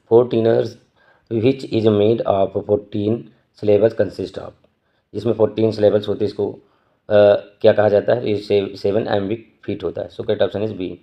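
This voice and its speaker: A man teaching an exam prep lesson, reading each question slowly and then explaining it quickly. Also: lowish voice, level tone, highs cut off. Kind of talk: quiz walkthrough lesson.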